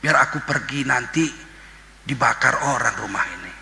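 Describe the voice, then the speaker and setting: A man voicing a frightened young woman who begs her uncle in a low, soft, pleading tone, in a hall with long reverb. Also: lively intonation, moderate pace, creaky, heavily acted.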